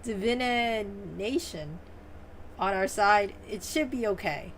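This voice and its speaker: A young woman doing casual game commentary as a streamer. She is slangy, foul-mouthed and teasing, at an average pitch. There is faint noise in the background. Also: expressive, brisk.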